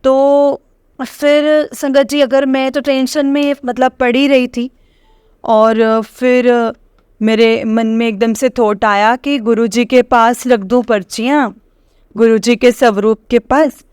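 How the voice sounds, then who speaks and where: Hesitant woman, smooth high voice. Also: steady tone, slow pace, a little mellow, no echo, clean studio sound. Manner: hesitant, full of fillers and restarts, often addressing the listeners directly. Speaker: devotee sharing a personal experience. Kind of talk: personal testimony to a congregation.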